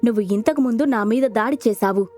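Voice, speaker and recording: A woman's voice: fairly high pitch, a little fast, a little mellow, faint music behind, close to an everyday voice. A woman voicing an anxious, distrustful man who accuses others, in an audio storybook. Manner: flustered, accusing.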